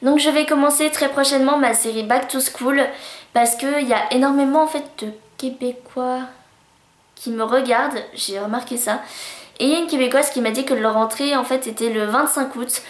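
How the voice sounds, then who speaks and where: A woman's voice: high-pitched, steady tone, moderate pace. A woman vlogging her monthly favourites in a chatty, bubbly way, gushing over things with cutesy words. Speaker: beauty vlogger. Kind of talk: casual monthly favourites vlog. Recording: roomy echo.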